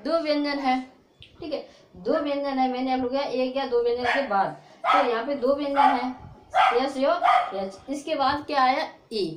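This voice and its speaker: A woman with a high voice teaches a pronunciation lesson. She keeps posing questions and answering them herself, checking that the class follows. Her voice rings in a roomy, echoey space. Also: moderate pace, very noisy. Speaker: English teacher. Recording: echoey room.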